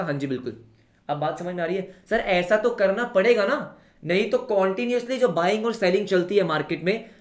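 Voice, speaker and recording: A young man is teaching a live online commerce class in Hinglish. His voice sits high for a man, and he keeps throwing rhetorical questions at his students, calling them beta. The sound carries a noticeable echo from the room. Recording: echoey room.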